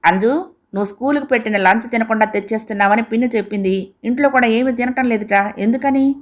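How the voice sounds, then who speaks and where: A woman voicing a remarried father who coaxes his daughter and turns evasive and sharp in a storybook reading. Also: fairly high pitch, fast, close to an everyday voice. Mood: scolding. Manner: coaxing, then sharp and scolding.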